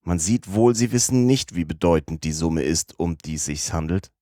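A sly detective presses his case in a low, insistent tone, as a man reads him. The voice is deep and the recording dry and close. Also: lively intonation, moderate pace, mellow, no echo. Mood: coaxing. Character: crafty English police detective, middle-aged man, persuasive.

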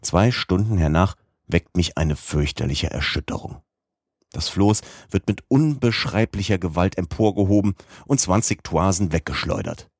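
Audiobook narrator: man, very low voice, measured first-person reading, dry close sound. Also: expressive, husky, dry recording. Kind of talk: scripted narration.

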